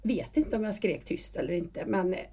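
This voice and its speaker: A woman's voice: fairly low pitch, expressive, warm tone, slightly rough. A middle-aged woman telling a personal story in casual conversation, often stopping and restarting as she searches for words. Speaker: guest.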